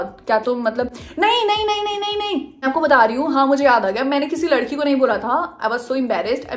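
Young woman vlogger, chatty storyteller, slightly high voice. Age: young adult. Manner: chatty, animated, mixing Hindi and English. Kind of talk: casual storytime.

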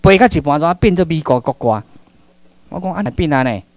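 A middle-aged man from Taiwan giving a public lecture, telling stories in an animated way that swings between loud and hushed. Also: on the high side, brisk, no room sound.

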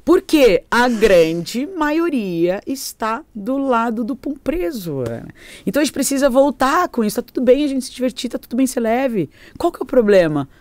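A young Brazilian woman, a guest on a talk show, chatting playfully and animatedly and slipping into quick impressions. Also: fairly high pitch, very animated, darkish tone, dry recording. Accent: Brazilian Portuguese. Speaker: guest, good-humor specialist. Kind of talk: casual chat.

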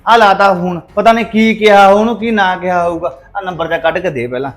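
This is another lightly acted Punjabi short-film scene, with a man whose voice sits high and moves a little fast. As the angry young brother, he issues harsh, threatening orders to his family to push through his sister's marriage.

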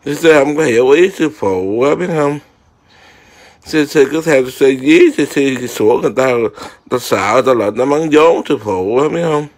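A man's voice: medium pitch, normal speed. A man, a Buddhist monk, chatting casually outdoors in his garden and keeps asking his viewers whether they see. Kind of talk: casual home vlog.

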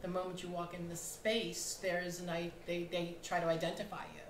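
A woman's voice: on the low side, level tone, a little fast. A woman, the playwright, speaking at a post-show panel on a theater stage in a thoughtful, emphatic way, often asking "right?". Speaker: playwright and producer. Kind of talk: panel discussion. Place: small theater stage, indoors. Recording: roomy hall, faint noise.

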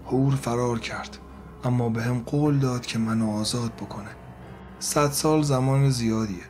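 A man's voice: medium pitch, lightly acted. A man voicing a cursed old hag spirit in a spoken horror story, telling her tale in a mocking, menacing way. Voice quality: grating voice in the script.

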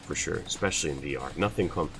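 A man's voice: extremely low pitch, quick pace, gravelly, a bit bright. A young man hosting his channel, answering viewer questions in a loose, rambling way with lots of fillers. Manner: rambling, many fillers, laughs at himself. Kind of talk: casual Q&A chat.

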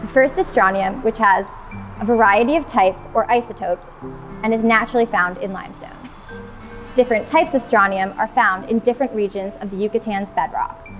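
A woman's voice: mid-range voice, a little fast, fairly bright tone, soft background music. Young woman scientist explaining research. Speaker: PhD student scientist. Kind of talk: documentary interview. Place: outdoors in a forest. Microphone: lapel.

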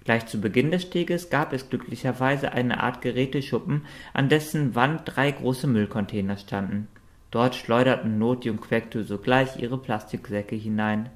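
A man narrating an audiobook in a calm, even storytelling manner. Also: medium pitch, normal speed. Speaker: audiobook reader. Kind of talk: scripted narration.

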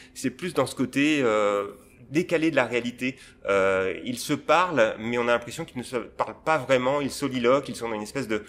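A man presenting a favourite film director in a library video, enthusiastic and pausing often on fillers. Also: medium pitch, a bit bright. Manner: enthusiastic, hesitant with many fillers. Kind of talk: casual film recommendation. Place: library, indoors.

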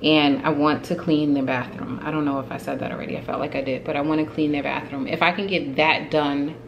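A home vlogger, a woman in her thirties, chats casually in her kitchen about her grocery haul and cleaning, venting with small laughs as she shows the groceries. Her voice is low and steady and she talks fairly quickly. The handheld phone camera gives dull audio with a noisy background.

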